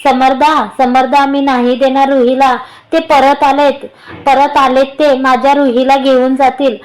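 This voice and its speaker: A woman's voice: high-pitched, little pitch movement, measured pace, poor audio. A woman voicing a terrified young woman who frantically repeats herself, read aloud in an audio story. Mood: frantic.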